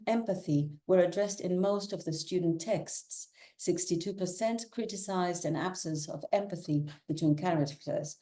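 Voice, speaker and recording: A woman from Argentina presenting research results in a steady, partly read manner. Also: on the low side. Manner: steady, reads out quoted speech from the cartoons.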